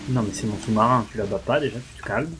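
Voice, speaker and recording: A man's voice: on the low side, fast. A man in casual, slangy gaming chat, joking and swearing as he plays. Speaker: video game player. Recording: clearly noisy background with clicks. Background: noise and clicking.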